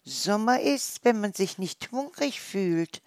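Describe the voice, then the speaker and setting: A storyteller voicing a brisk, pragmatic squirrel in a storybook. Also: mid-range voice, lively intonation, no echo, pitched above the performer's own voice.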